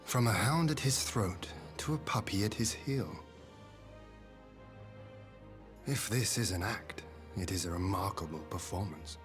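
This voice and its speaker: An actor playing a calm, courteous young lord and rebel leader in a video game, speaking in formal, archaic, measured phrases. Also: male voice, fairly low pitch, natural voice. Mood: wry. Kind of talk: scripted video game dialogue. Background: music.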